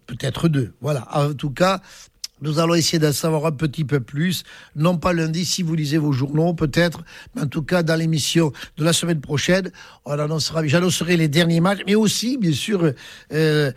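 A man's voice: on the high side, no room sound, studio quality. A man presenting a local radio sports round-up, hesitant, with many fillers and restarts.

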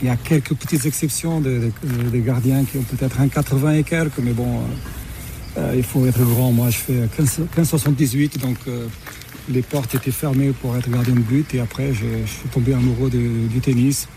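A Portuguese-born man, a tennis umpire, speaking French in an interview at an outdoor tournament, halting with fillers. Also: medium pitch, steady tone. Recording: interview with clear background noise.

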